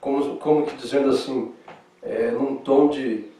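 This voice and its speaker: A man with a southern Brazilian accent preaching in Sunday school, animated, swinging between loud emphasis and soft asides. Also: mid-range voice, measured pace, distant mic. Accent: southern Brazilian Portuguese. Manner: acts out quoted dialogue in lively voices. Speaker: pastor. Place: church hall. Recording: echoey church hall, mic from afar.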